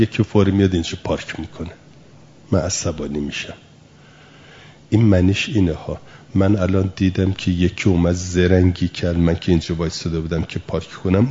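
A man's voice: deep voice, dark tone, dull audio, slight background noise. A man teaching a lesson, patiently explaining through everyday examples and asking rhetorical questions. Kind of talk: spoken lesson.

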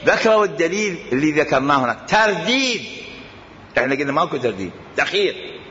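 A man's voice: on the high side, fast talker, a little hiss or hum. A man with an Iraqi Arabic accent teaching a jurisprudence lesson, arguing his points and firing rhetorical questions. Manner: animated, argumentative, fires rhetorical questions. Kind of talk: religious jurisprudence lecture. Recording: echoey hall, dull lo-fi sound.

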